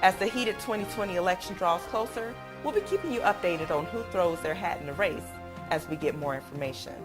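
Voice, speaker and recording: Female news anchor, lowish voice, steady read-out delivery. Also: fairly quick, over music.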